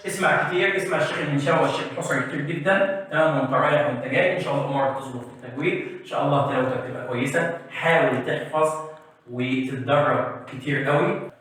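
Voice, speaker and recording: A man with an Egyptian accent teaching tajweed to exam students, explaining letters and chanting them in a drawn-out recitation style, often checking in with a quick question. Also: fairly high pitch, fairly bright tone. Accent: Egyptian Arabic. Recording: very echoey room, voice from a distance.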